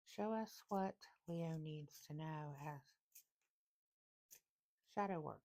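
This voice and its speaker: A woman with a low voice talks through a casual tarot reading. She reads card text slowly and deliberately. She repeats her points for emphasis. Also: mellow. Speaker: tarot reader.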